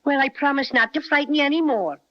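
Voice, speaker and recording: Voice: high voice, fast, lightly acted. An actor playing a small, cheerful male teddy bear with an Irish brogue, chatty and polite. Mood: friendly. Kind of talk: 1930s radio acting. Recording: dull old radio recording.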